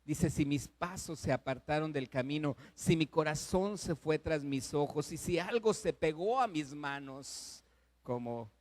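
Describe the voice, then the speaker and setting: A man preaching a sermon, slow and earnest, with emphatic rises and hushed endings. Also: on the high side. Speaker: pastor.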